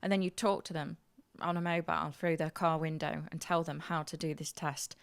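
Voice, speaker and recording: A woman's voice: sits low, fairly even intonation, brisk, vocal fry, smooth. A woman co-hosting a podcast, explaining things in a chatty storytelling way. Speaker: podcast co-host. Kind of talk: casual chat.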